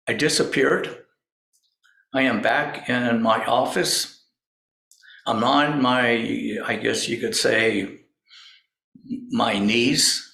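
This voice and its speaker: A man slowly telling a personal story, pausing often and acting out what others said. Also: medium pitch, vocal fry, pushed and bright, echoey room, low-quality recording. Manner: slow, halting storyteller who acts out quoted voices. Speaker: spiritual speaker. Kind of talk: storytelling talk.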